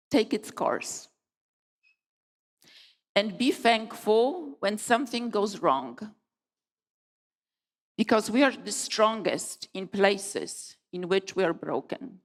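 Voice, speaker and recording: A middle-aged woman from Poland giving a formal opening speech at a conference, measured and emphatic with deliberate pauses. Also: medium pitch. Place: large conference hall. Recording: long hall reverb.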